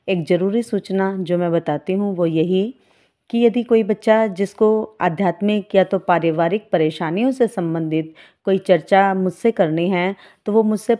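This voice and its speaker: A woman giving a calm devotional talk as a spiritual guide, speaking to her followers in a motherly way and calling them children. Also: medium pitch.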